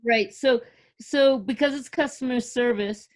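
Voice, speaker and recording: A woman's voice: fairly high pitch, unhurried. A woman in a ski patrol class patiently explaining a term to a classmate in a casual way.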